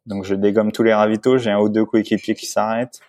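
As a guest in a casual interview, a man candidly and emotionally recounts his story, his voice on the low side, level in tone, fast, and a little mellow. He rambles, hesitates, restarts often, uses plenty of fillers, and keeps addressing his listener with "tu vois."

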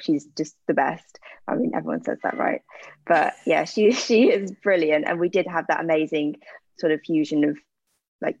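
Her voice sits low and comes across creaky, husky, and a little mellow, with no room sound in a dull, lo-fi recording. She is an aesthetic practitioner appearing as an interview guest, answering openly and casually with lots of fillers.

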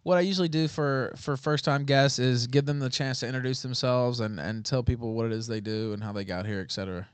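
A male host casually asking a guest questions, halting and restarting with fillers. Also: mid-range voice, clear, resonant tone, dry recording.

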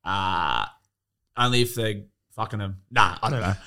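A man's voice: fairly low pitch, normal speed, pushed and bright. A man with a broad Australian accent co-hosting a podcast, joking in crude, blokey banter. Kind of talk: casual comedic banter.

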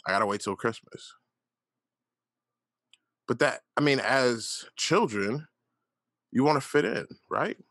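This solo podcast host, a man in his late thirties, talks candidly in a casual monologue, telling stories loaded with filler words and profanity. He has a medium-pitched, fairly bright voice, captured dry and at studio quality.

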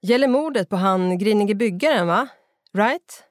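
A man's voice: sits high, animated, no room sound, clean studio sound. A reader voicing a middle-aged Scottish pub owner, a chatty man with a Scottish accent who mixes English phrases into his talk. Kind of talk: audiobook character voice.

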